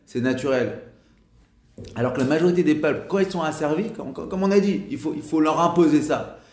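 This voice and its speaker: A man giving a casual spoken lesson as a religious teacher, talking in a halting way with frequent restarts and fillers. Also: fairly high pitch, a little mellow, reverberant.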